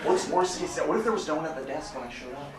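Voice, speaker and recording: A man's voice: on the high side, racing, far from the mic. A man performing a crude, brash stand-up comedy set on a club stage. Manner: brash, crude, animated storytelling. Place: comedy club stage before a live audience. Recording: roomy club sound from off-mic, loud crowd laughter.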